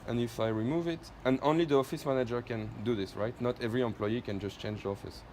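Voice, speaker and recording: A fast-talking man with a mid-range voice and a French accent presents a product informally on behalf of his company. Explaining step by step, he often wraps up his points with tag questions to check that people follow. The room echoes, and background noise is loud.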